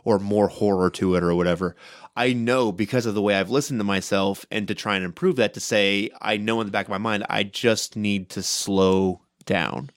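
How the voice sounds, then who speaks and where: A man with a somewhat low voice talks loud and quick on a casual podcast, often ending thoughts with "right?". The sound is dry and close, with no room around it. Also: dry recording. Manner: fast-talking, loud, with many "right?" tags. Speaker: podcast co-host and game master.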